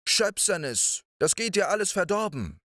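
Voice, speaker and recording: A man doing the giant's timid, kindly wife, her voice lifted high and pleading. She is softly spoken, and the sound is close and dry. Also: sing-song, a little slow, dry recording, heavily acted. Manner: raised, pleading tone. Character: giant's wife, kind and fearful.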